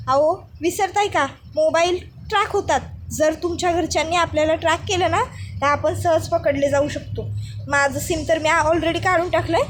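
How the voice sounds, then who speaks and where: An urgent young runaway driver, voiced by a woman narrator, giving hurried orders in a very high voice. Faint ambience behind. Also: steady tone, slight background noise. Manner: urgent, instructing.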